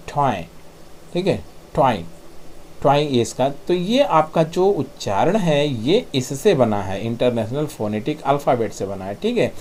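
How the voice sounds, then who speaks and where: A man, patiently explaining English sounds on slides and repeating them slowly. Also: medium pitch, darkish tone. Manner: patient, repeats sounds slowly, says "thik hai" often. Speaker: English pronunciation teacher. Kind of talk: tutorial explanation.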